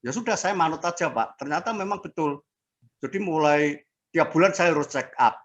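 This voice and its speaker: A man in his sixties giving a casual personal testimony as an interviewee, speaking haltingly with fillers and restarts. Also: a little high, lively intonation, a bit bright. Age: 60s. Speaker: interviewee sharing a health testimony.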